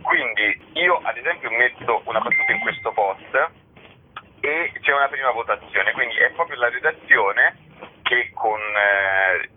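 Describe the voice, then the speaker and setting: Heard through a tinny radio phone line, a man with a medium-pitched voice and a breathy edge describes his satirical writing. As the interview guest, he keeps it conversational and sprinkles in plenty of fillers.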